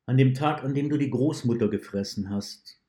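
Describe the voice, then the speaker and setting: A man voicing a stern, patient male wolf catcher who asks calm, probing questions in a read-aloud story. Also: medium pitch, normal speed, pitched above the performer's own voice, natural voice.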